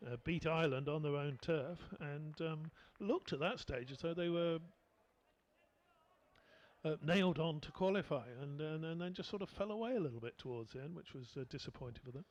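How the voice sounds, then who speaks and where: A man's voice: fairly high pitch, fairly quick, highs cut off. Chatty male cricket commentator. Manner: chatty, rambling with many fillers. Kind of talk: live sports commentary. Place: commentary position at a cricket ground.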